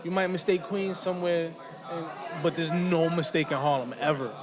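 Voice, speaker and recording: A man's voice: fairly high pitch, steady tone, normal speed, crowd noise. A man in his thirties from the South Bronx with a New York accent, chatting casually and swearing now and then. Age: 30s. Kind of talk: casual chat.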